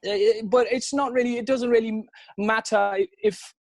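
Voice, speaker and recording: A man's voice: very high voice, steady tone, normal speed, no room sound. A man in his thirties with a Kashmiri accent, giving emphatic, spontaneous interview answers that build through lists and questions. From Srinagar, Kashmir. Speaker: interview guest.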